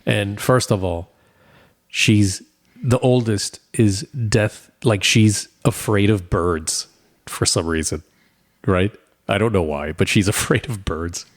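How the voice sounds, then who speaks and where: A man co-hosting a casual podcast, excitable, often repeating his words as he tells a story. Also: on the low side, slow. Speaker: podcast co-host. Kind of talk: casual chat.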